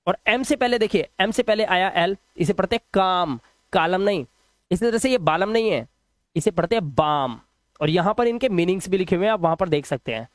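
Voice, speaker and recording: A man teaching pronunciation rules in a patient, step-by-step classroom style, repeating examples slowly. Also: high voice, animated, no room sound. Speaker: English teacher. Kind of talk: classroom-style lesson explaining silent letters.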